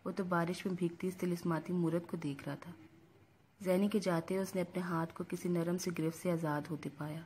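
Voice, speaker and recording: A woman reading a novel aloud as narrator, with a steady, even storytelling delivery. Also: fairly low pitch, slight background noise.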